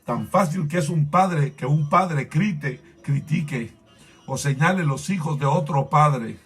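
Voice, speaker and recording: A man preaching a sermon as a pastor, impassioned and rising to shouts, repeatedly urging his listeners to pay attention. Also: fairly high pitch, slow, slightly rough, soft background music.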